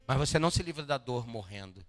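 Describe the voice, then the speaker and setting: A male pastor from Rio de Janeiro preaching to his congregation, swinging between quiet asides and loud emphatic lines and joking with the people. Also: mid-range voice, expressive, fast talker. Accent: Brazilian Portuguese, Rio de Janeiro. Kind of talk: sermon. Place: church hall. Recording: long hall reverb, faint guitar behind.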